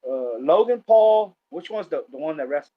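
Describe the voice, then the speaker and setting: A man's voice: on the high side, lively intonation, moderate pace, no echo. A man co-hosting a casual talk show, rambling through stories with lots of fillers and restarts. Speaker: podcast co-host. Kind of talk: casual chat. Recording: dull lo-fi sound.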